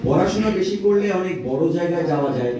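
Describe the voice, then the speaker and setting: Male puppeteer straight man, quick delivery, scolding and explanatory, heard from afar with heavy echo. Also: high voice, expressive, crowd noise. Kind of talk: comic stage dialogue with a puppet. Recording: very echoey hall, distant mic, audience.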